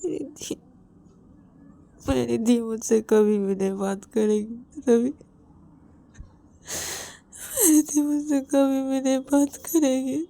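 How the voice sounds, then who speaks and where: A woman's voice: on the high side, dark tone, no echo, pitched above the performer's own voice. A woman voicing a heartbroken young man who is crying and pleading about his sister, his words drawn out in a storybook.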